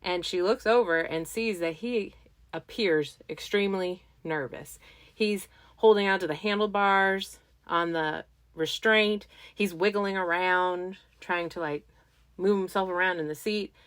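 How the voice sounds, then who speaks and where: A woman hosting a podcast, telling a funny story in a playful, animated way. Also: a little slow, smooth. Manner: playful, animated, jumps into high squeaky voices. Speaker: podcast host. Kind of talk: casual storytelling.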